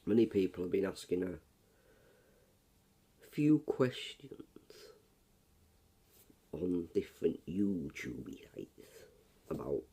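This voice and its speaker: Man, husky rough voice, hoarse, coughing, rambling rant, swears. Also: sits low, big pitch swings, takes it slowly, long pauses, dark tone. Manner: rambling, blunt, swears often. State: hoarse, coughing, frog in throat. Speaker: YouTuber. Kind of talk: early-morning rant to camera.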